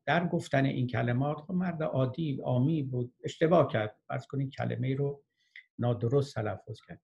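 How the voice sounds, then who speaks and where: A man giving a lecture, reciting verses slowly and then explaining them in plain conversational speech. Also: mid-range voice, gravelly, dark tone, slightly rough. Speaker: lecturer on classical poetry. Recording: muffled lo-fi recording.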